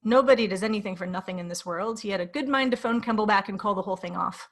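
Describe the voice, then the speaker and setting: A woman reading a short story aloud as a guest reader, with expressive, measured narration. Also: medium pitch.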